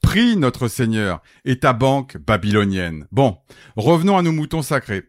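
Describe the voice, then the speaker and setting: An actor playing a pompous, greedy self-styled messiah in a comic radio serial, preachy and grandiloquent, then curt. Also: male voice, medium pitch, very animated, a little slow, dry recording, clean studio sound. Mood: firm, unctuous.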